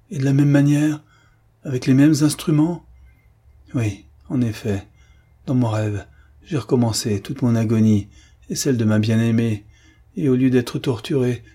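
A man's voice: a little high, dark tone, husky, pitched above the performer's own voice. A man voicing a tormented, half-mad old man who rambles with hesitations and silences, in an audiobook reading.

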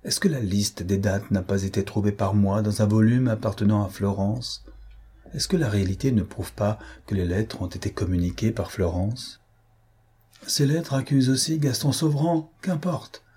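A man reading a novel aloud in a measured, dramatic audiobook narration. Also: on the low side, warm tone, slightly rough.

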